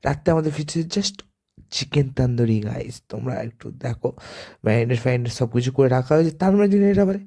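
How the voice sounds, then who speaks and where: A young man with a hoarse voice, chatting casually to viewers in a vlog. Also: mid-range voice, quick pace, dark tone. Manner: chatty, addresses viewers as guys. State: hoarse from the cold. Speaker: vlogger.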